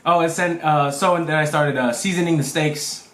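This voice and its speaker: A man who is a chef, casually explaining cooking steps in a halting, step-by-step way. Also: a little high, fairly bright tone. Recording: echoey room.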